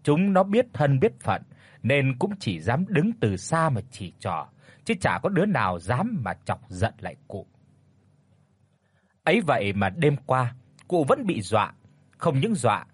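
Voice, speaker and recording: A man tells a scripted horror story with dramatic expression. His voice is husky, and his pitch moves lively through every sentence. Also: measured pace, no room sound.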